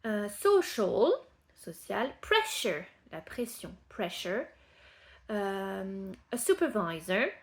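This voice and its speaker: A French-speaking woman gives a relaxed pronunciation lesson at a slow, deliberate pace. She says each English word more than once, patiently. Between words she slips into quieter asides that explain the spelling. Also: mid-range voice. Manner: patient, unhurried, repeats each word slowly. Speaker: English teacher.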